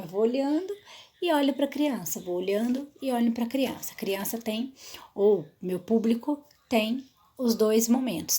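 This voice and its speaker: A woman's voice: on the high side, a little mellow. A woman teacher explaining storytelling tips step by step, often checking in with "certo?", and having some trouble with her voice. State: voice trouble, pauses to drink water.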